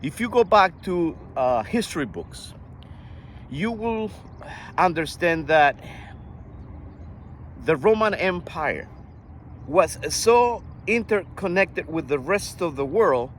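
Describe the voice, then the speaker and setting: An older man from Costa Rica talking earnestly in a casual monologue, often halting and restarting his sentences. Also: fairly high pitch, very animated, fairly bright tone, a little hiss or hum. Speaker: vlogger.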